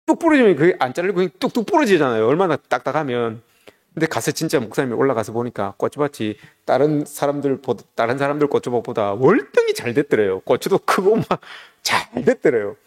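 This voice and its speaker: A man's voice: medium pitch, very animated, fast. A man preaching a sermon, telling a story and speaking directly to his congregation. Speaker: pastor.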